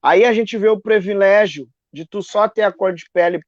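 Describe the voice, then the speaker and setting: A man speaks earnestly on a live video call from home, often restarting phrases and asking "né?". His voice sits fairly high for a man and sounds dry and close. The stream audio is dull and lo-fi. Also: moderate pace, dry recording. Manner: earnest, repeats words, frequent "né?". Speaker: activist guest. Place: home in a neighbourhood.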